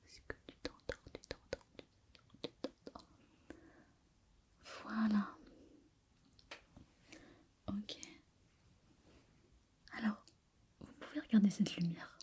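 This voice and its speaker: Slow whispering woman, quiet night-time doctor role-play. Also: mid-range voice, steady tone. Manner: hushed, quiet night-time bedtime delivery; soothing, lulling, repeats words softly. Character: gentle female sleep-specialist doctor soothing a patient.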